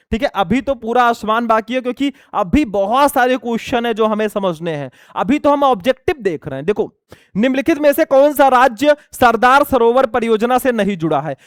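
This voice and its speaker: A young man teaching an exam lesson loudly, almost shouting as he goes through multiple-choice questions and calls the students kids and brothers. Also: extremely high pitch, clean tone, dry recording, studio quality. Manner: loud, near-shouting delivery; addresses students as bachelon and bhaiya.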